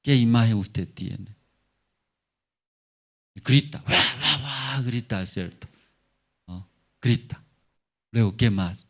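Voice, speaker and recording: Male pastor preaching slowly, halting phrasing, many tag questions, jumps from loud highs to quiet lows. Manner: swings between emphatic high bursts and low murmurs. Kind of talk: sermon. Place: church.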